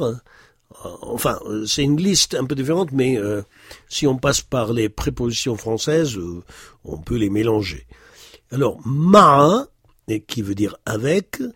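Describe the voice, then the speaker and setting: A man teaching a language lesson, explaining slowly and patiently with frequent hesitations, stressing the example words he pronounces. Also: medium pitch, slightly rough, no echo, studio quality. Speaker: Arabic teacher. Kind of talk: slow spoken lesson walking through worksheets.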